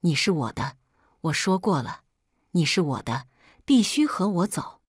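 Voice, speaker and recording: A woman's voice: lowish voice, big pitch swings, a little slow, slightly rough, no room sound, studio quality, exaggerated voice. Woman voicing a possessive young noble lord. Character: obsessive possessive young noble heir, man.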